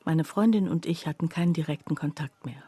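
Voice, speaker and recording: A woman with a low, husky voice narrates a literary radio play in the first person. Her delivery is measured, hushed and reflective, and the recording is dry.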